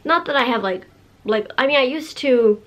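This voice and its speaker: A woman's voice: high-pitched, lively intonation, normal speed, a bit bright. Bubbly young woman chatting to camera. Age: 20s. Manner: bubbly, sassy, chatty with many fillers and restarts. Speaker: vlogger. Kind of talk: casual talk to camera.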